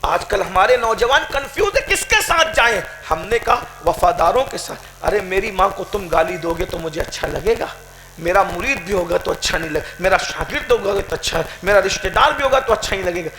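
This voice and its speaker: A man preaching an impassioned sermon, swinging from shouted climaxes to quiet questioning. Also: sits high, expressive. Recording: echoey hall with crowd.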